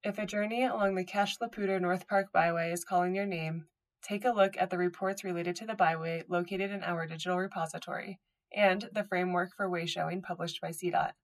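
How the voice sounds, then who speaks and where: Female narrator, slightly low register, for scripted informational read of a written article. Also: steady tone, brisk. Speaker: narrator reading a blog article aloud.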